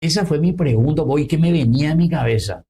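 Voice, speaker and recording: A man's voice: a little high, a little fast, warm tone, slight background noise. A man in his sixties, a priest, telling stories in an interview and acting out the people he quotes. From Paraguay. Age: 60s. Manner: storytelling, acts out quoted people with jokes. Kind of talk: interview conversation.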